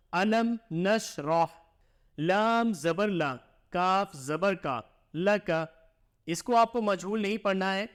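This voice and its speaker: A man teaches Quran reading with a high, clear, smooth voice. He spells out each letter and vowel mark slowly and joins them into words, pausing often to explain the rule in quicker plain speech. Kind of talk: slow spelled-out recitation lesson.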